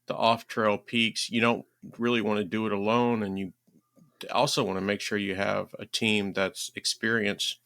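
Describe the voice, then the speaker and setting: Podcast host: bright-toned man, earnest and friendly, casual chat, dry close mic. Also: on the low side, smooth, no room sound.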